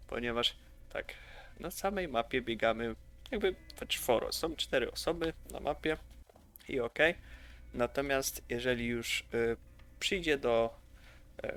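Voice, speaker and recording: A man's voice: mid-range voice, fairly bright tone, clear, resonant tone. A man giving chatty, rambling, enthusiastic commentary over gameplay. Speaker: gaming youtuber.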